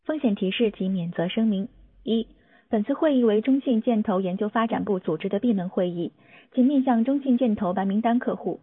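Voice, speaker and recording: Woman, formal legal disclaimer read-out, scripted and measured, dry close sound, phone-like band. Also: mid-range voice, slightly rough, no room sound. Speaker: disclaimer reader. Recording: tinny, narrow phone-like audio.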